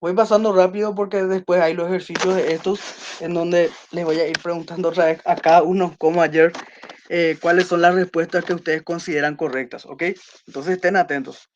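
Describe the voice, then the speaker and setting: A Spanish teacher giving an online class, explaining accent rules and slowly reading out example sentences, checking in with her students. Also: lowish voice, fairly even intonation, highs cut off, a little hiss or hum. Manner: checks in with students by asking questions.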